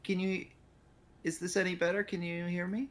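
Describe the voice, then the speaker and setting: A man's voice: high voice, little pitch movement, moderate pace, fairly bright tone. A man casually co-streaming a video game, commenting and reading lines aloud.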